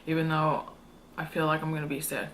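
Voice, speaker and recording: A woman's voice: sits low, monotone, a little fast, a bit bright, a little hiss or hum. A young woman chatting casually to her viewers as a food vlogger, in an informal, slangy, rambling way. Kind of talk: casual mukbang chat to viewers.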